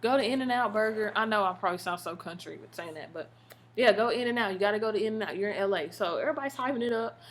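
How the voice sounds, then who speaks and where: An American woman telling stories in a casual, slangy vlog style, expressive and full of emphatic asides. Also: medium pitch, fast. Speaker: vlogger. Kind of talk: casual chatty storytelling vlog.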